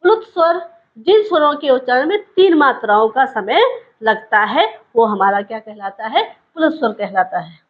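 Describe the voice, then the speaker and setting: A woman's voice: a little high, animated, moderate pace, highs cut off. A woman teaching a grammar lesson, asking questions and answering them herself, repeating key points, and stretching vowel sounds to show them. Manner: drags out vowel sounds to demonstrate.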